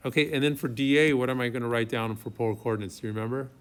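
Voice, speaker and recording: A man's voice: mid-range voice, very fast, clear, resonant tone. A man teaching a math class as a professor, thinking aloud as he writes and checking in with his students in an informal way. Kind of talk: classroom lecture, working through problems aloud.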